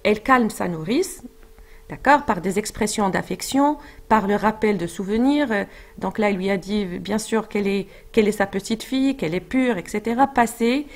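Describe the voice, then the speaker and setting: A woman's voice: mid-range voice, normal speed. A woman French teacher, explaining a literary passage and checking in with her class. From Morocco. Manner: explanatory, checks with frequent "d'accord?"; hesitant, with fillers and restarts.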